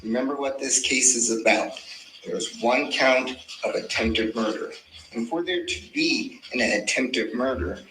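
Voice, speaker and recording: A man speaking as a defense attorney, addressing a jury with emphatic, deliberate repetition of key phrases. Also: mid-range voice, pushed and bright. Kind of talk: courtroom opening argument to a jury. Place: courtroom. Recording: echoey courtroom, clear background noise.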